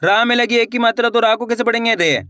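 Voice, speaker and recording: A man teaching beginners to read, sounding out syllables slowly one by one and answering his own questions. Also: very high voice, bright, forceful tone, smooth, no echo, clean studio sound. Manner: slow, drilled syllable-by-syllable sounding out; asks the viewer questions, then answers them himself. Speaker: Hindi reading teacher. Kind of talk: online reading lesson for beginners.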